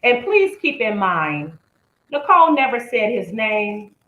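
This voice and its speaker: A woman's voice: a little high, very animated, unhurried, sharp tone, roomy sound, low-quality recording. A woman hosting a live stream, giving blunt, profane, indignant commentary. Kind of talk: heated commentary.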